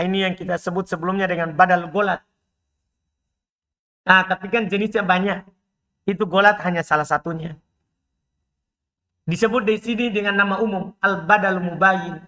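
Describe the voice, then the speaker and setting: A man teaching Arabic grammar in a live class, explaining each point and often asking his students quick questions to check they follow. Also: sits high, pushed and bright.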